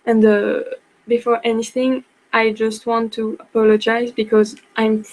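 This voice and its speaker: A young woman with a French accent gives a live online workshop, slow and careful in her English. Her voice sits fairly high but stays flat and even. She apologizes often and stumbles into restarts. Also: rough recording. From France. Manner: apologetic, hesitant, many restarts. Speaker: blogging workshop presenter.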